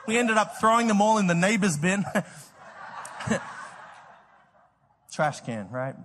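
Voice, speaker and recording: In a large hall full of reverb, an Australian pastor tells a personal story in a high, bright, expressive voice, taking it slowly, with a little hiss or hum on the recording. He's lively, trips over repeated words, and laughs at his own jokes.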